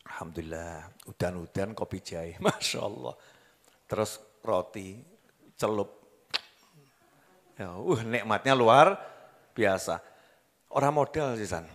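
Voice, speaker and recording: A Javanese-accented man from Java, Indonesia preaches a sermon in a large hall, joking, quizzing the crowd, and mixing in local dialect. His voice is fairly low and a bit bright, slow and with frequent pauses.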